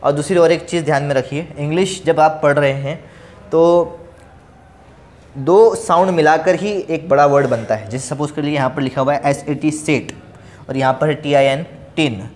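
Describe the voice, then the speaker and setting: A man teaching a beginners' English reading lesson, spelling out letters and reading words slowly, asking questions and answering them himself. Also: fairly high pitch, darkish tone. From India. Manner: patient, repeats letters and words slowly, asks then answers own questions. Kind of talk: classroom lesson explaining English phonics.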